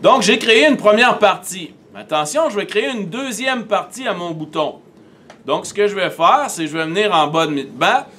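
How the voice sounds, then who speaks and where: High-voiced Québécois teacher demonstrating steps. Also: male voice, lively intonation, normal speed, pushed and bright. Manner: methodical, step-by-step, talks through each click. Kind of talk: screen-recorded software tutorial.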